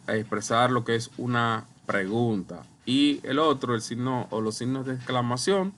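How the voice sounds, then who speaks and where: Male teacher, slow and deliberate, recorded lesson over slides, mid pitch. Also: fairly bright tone, a little hiss or hum. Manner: slow, deliberate explaining, addresses viewers as ustedes. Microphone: computer mic while writing with a mouse.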